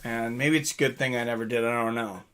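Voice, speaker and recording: A man hosts a live fight watch-along stream, commenting casually and speaking straight to viewers in chat while frequently clearing his throat. His medium-pitched voice is steady, quick, and a bit bright.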